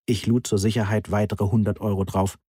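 A man narrating a first-person audiobook in a calm, even way. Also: lowish voice, brisk, husky, no echo, clean studio sound.

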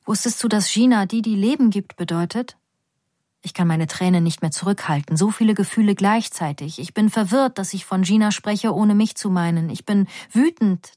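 A woman reading a first-person story aloud in a calm, measured, quiet voice. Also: mid-range voice, dry recording, studio quality. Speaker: reader.

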